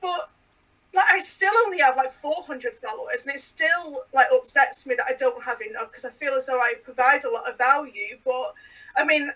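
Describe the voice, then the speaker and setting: A woman's voice: high voice, normal speed, bright, forceful tone. A woman from the United Kingdom, a podcast guest and sewing educator, talking casually and filling her sentences with "like". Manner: chatty, full of "like" fillers. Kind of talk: casual chat. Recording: voice a bit distant from the mic.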